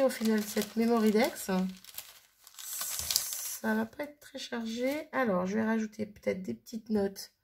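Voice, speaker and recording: Chatty French woman with a gravelly, husky voice. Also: mid-range voice. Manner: chatty, muttering to herself as she works. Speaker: crafting vlogger. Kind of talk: casual thinking aloud while crafting.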